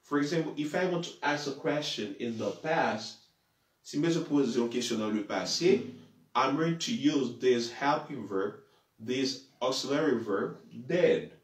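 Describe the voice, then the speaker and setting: A man leads a live English lesson, going back over each example sentence at an unhurried pace. His mid-range voice sits a little back from the microphone, and the room gives it a noticeable echo. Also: mid-range voice, lively intonation. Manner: repeats example sentences slowly, switching between languages. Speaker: language teacher. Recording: echoey room, voice far from the mic.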